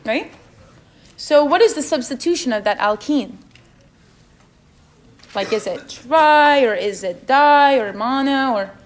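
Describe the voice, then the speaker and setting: A woman's voice: high-pitched, lively intonation, slow pace, long pauses. A young woman with a non-native English accent leading an exam review session, asking the students questions and checking in with "okay?" as she goes. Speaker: chemistry review session leader.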